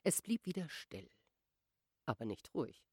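A woman's voice: low voice, husky, dry recording. Woman reading a novel aloud, dry studio. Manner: measured, expressive storytelling. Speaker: audiobook reader. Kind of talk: scripted literary narration.

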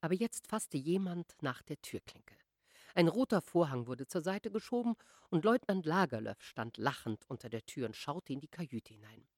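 A woman narrating a literary audiobook in a measured, expressive storytelling manner on a close microphone. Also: low voice, no room sound. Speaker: audiobook reader.

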